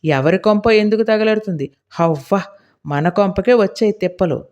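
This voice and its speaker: A woman reading an audiobook voices a scolding middle-aged village housewife with a shrill, indignant, nagging delivery. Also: moderate pace, a little mellow, natural voice.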